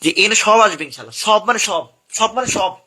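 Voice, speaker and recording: A young man runs a live exam review class, rattling through topic after topic. His voice sits high and bright. He hammers each point home by repeating it to his students. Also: expressive, breathy edge. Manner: rapid, repetitive drilling of topics to students. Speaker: admission exam coach.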